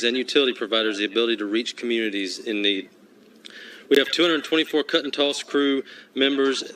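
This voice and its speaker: Male public official, press briefing read, measured delivery, crisp bright tone, mid pitch, slight noise behind. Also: low-quality recording. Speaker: state transportation official. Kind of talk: formal press briefing statement.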